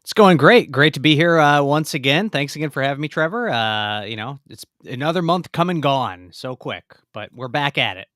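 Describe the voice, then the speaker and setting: Guy co-hosting a podcast, smooth clear voice, dry sound, casual and figuring it out as he talks. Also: a little high, animated, moderate pace, hardly any pauses, a bit bright, no echo. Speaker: podcast co-host and guest.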